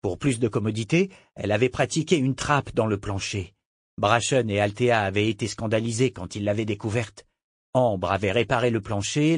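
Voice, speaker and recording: Guy reading a fantasy audiobook, steady, dead dry close sound. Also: medium pitch, no room sound. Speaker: audiobook narrator. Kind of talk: scripted fantasy narration.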